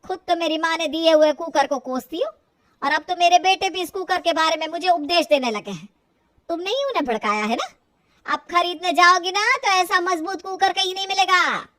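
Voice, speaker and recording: In an audio storybook, a woman plays a stubborn elderly mother-in-law, high-voiced and indignant, grumbling, scolding and muttering to herself in anger. She speaks at a moderate pace with a sharp tone, and the recording is dry and close.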